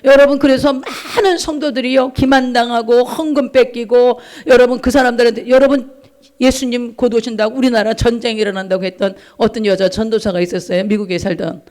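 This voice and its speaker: Man, very high voice, pastor preaching, emphatic, asks the congregation questions. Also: steady tone, brisk, a little mellow. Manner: emphatic preaching, acts out the characters in his anecdotes. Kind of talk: sermon.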